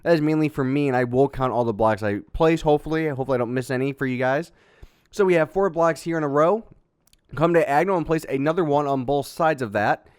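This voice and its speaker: A man casually narrating a step-by-step building tutorial in a relaxed, chatty way, with fillers and little sound effects. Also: on the high side, clean tone. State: has the hiccups. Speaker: Minecraft building tutorial host.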